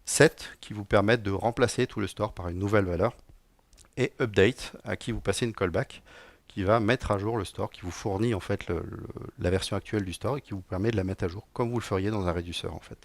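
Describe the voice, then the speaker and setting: A man with a low, gravelly voice presents a coding talk to a live audience, loose and joking with frequent fillers. His voice is recorded close and dry, with almost no room echo. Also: brisk. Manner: casual and joking, many fillers. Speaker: conference speaker, technical director.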